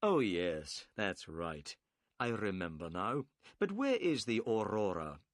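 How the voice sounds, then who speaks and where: A man voicing a calm, clever male detective who speaks politely, briskly and with assurance. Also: fairly low pitch, no room sound, studio quality. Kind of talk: audiobook character voice.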